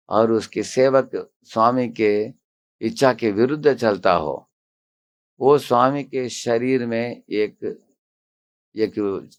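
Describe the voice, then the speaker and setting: A low-pitched man with a gravelly, fry-laden voice gives a devotional lecture as a temple president. He tells stories with animation, acts out the dialogue and keeps putting questions to his listeners. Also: muffled recording. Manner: asks the audience questions.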